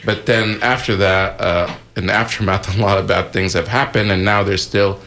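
A man's voice: on the low side, fairly even intonation, moderate pace, fairly bright tone. A man from Egypt co-hosting a live radio talk show in a studio, explaining events hesitantly with many fillers and restarts.

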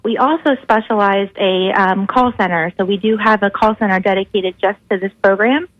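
A woman's voice: mid-range voice, fairly even intonation, normal speed, no echo. Woman official calling in over the phone, businesslike, muffled dry line. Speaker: county social services manager. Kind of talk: caller explaining a program on air.

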